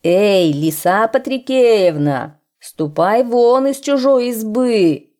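A woman's voice: fairly high pitch, animated, slow, warm tone, pitched above the performer's own voice. A woman doing a blustering bull. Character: big male bull, gruff and blustering.

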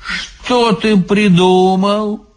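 A man's voice: high-pitched, fairly even intonation, drawn-out words, voice pushed up. A man voicing a bored, capricious young woman with a whiny, moody way of talking. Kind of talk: audiobook character reading.

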